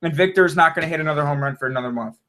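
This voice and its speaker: Male fan vlogger, high pitch, angry profane rant, repetitive. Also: very fast, fairly bright tone. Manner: frustrated, heavy swearing, repeats himself.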